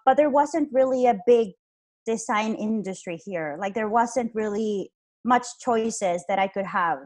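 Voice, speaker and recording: A woman in her twenties from Honduras, a podcast guest chatting casually over a call with many "like"s and restarts. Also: on the high side. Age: 20s. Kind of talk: casual interview chat. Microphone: video call.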